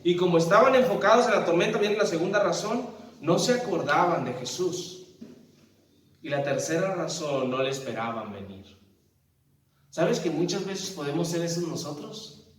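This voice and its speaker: Animated pastor in an echoey hall. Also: male voice, on the high side, moderate pace. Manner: animated storytelling, asks the congregation questions. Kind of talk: sermon. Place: church hall. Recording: echoey church hall from far off.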